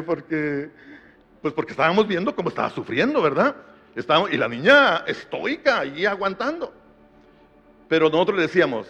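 Middle-aged male pastor, animated, higher-pitched sermon voice; dull recording in a reverberant church hall. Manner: tells a family anecdote, rising to emphatic repetition.

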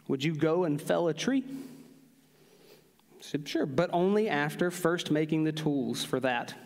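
Animated male preacher in an echoing hall. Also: fairly high pitch. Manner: storytelling, animated, drawn-out emphasis. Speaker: pastor. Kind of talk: sermon. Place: large church hall. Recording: long reverb of a large hall.

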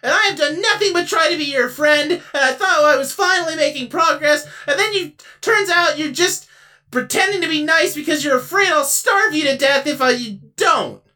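A woman's voice: sits high, normal speed, sharp tone, far from the mic. A woman voicing an earnest life-loving space being. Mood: indignant. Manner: earnest, flustered, stammering when upset. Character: cheerful childlike spaceship entity who loves all life. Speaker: improv comedy performer. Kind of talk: improvised comedy podcast.

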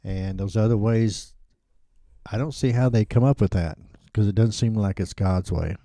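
Here a fairly low, warm male voice comes through at a moderate pace in studio quality, free of echo. He's a church podcast co-host chatting casually in a folksy, self-mocking manner, frequently starting sentences over and claiming he sounds like a hick.

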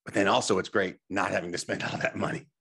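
A man's voice: low voice, steady tone, fast, gravelly, bright, forceful tone, husky. A middle-aged man giving a motivational slide presentation, emphatic and coaching, putting questions to the listener and checking in. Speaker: presenter and teacher on health technology.

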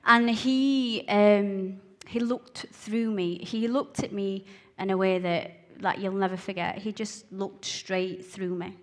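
A woman with a broad Scottish accent from Glasgow gives a personal testimony. Her voice sits at a medium pitch. She speaks earnestly and haltingly, often repeating a phrase to drive it home. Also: steady tone. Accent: broad Glaswegian Scottish. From Glasgow, Scotland. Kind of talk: personal testimony told to listeners.

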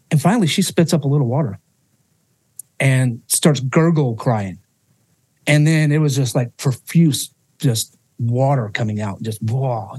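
A man's voice: mid-range voice, a little mellow, breathy edge, no room sound. A man guest on a podcast telling a personal story with emotion, swearing freely and restarting his sentences often.

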